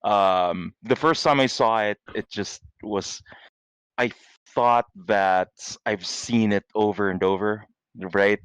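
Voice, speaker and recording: A man's voice: fairly low pitch, slow, fairly bright tone, clear, resonant tone, no echo, low-quality recording. A man co-hosting a podcast in casual chat, joking and laughing often. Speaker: podcast co-host.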